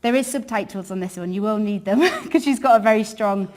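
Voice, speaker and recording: A woman with a medium-pitched voice gives an informal church presentation. She explains her work conversationally, hesitating as she searches for the right term. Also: fairly quick, a little mellow. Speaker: women's gospel worker, presenter.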